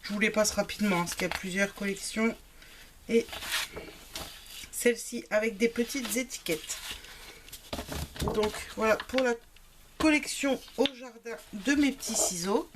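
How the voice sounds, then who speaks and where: Chatty woman with a higher voice. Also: measured pace, long pauses, background noise. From Italian family background. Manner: chatty, frequent fillers. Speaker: craft vlogger. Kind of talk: casual product haul chat.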